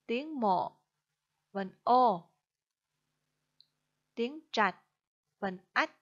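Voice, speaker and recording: A woman teacher with a Vietnamese accent walks young pupils through a spelling lesson at a very slow, deliberate pace, her voice sitting a little high. The recording is dull and lo-fi, like a home lesson video. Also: lively intonation. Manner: slow, careful dictation-style explanation. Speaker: primary school teacher.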